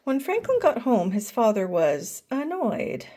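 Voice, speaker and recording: An older woman reading a picture book aloud to children, gently asking them questions along the way. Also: on the high side, very animated, measured pace. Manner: gentle, asks listeners questions. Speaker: storyteller grandmother.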